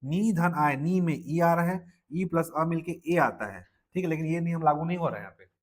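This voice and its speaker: Hindi teacher, slightly high voice, drilling students. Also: male voice. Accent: Chhattisgarhi-tinged Hindi. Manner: drills students with frequent "ठीक है" checks; spells words slowly sound by sound. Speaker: Hindi teacher at a coaching class. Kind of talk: live classroom lesson.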